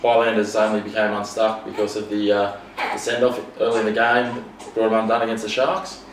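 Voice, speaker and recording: Fast-talking laid-back host. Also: male voice, lowish voice, level tone. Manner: quick, laid-back, says mate a lot. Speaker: sports podcast host. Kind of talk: casual sports chat. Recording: roomy, distant mic, faint noise.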